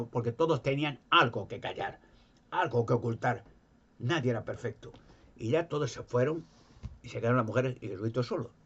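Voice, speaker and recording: A man with a Spain Spanish accent tells a Bible story casually, circling back and repeating himself as he goes. His voice is husky and slightly raspy. The sound is dull and lo-fi. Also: medium pitch. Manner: rambling, repetitive, folksy. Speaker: religious storyteller.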